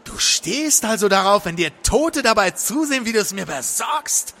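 A man voicing a panicked, angry young woman who shrieks and scolds in a high, loud voice. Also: very animated, normal speed, creaky, heavily acted. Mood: shrill.

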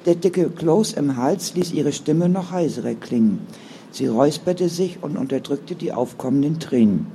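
A man calmly reading a novel aloud as audiobook narrator, in a measured storytelling way. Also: a little high, slight background noise. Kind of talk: scripted narration.

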